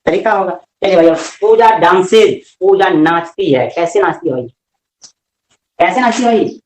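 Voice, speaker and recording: A man with a Hindi accent teaching English grammar in a classroom lecture, lively and often asking questions that he then answers himself. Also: sits high, moderate pace, echoey room, poor audio.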